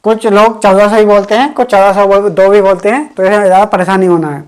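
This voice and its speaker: A woman's voice: mid-range voice, fairly even intonation, a little mellow. Woman lecturing for exams, says stuff twice, asks questions then answers them. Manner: repeats key points slowly, drilling with questions. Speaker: teacher. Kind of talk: exam-prep history lecture.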